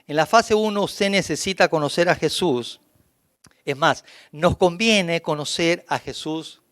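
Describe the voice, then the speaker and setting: A Peruvian man preaching a sermon in a fairly high voice. He speaks emphatically, building through long lists of phrases. The sound is close and dry, with hardly any room echo. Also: unhurried, a bit bright. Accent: Peruvian Spanish. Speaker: pastor. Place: church.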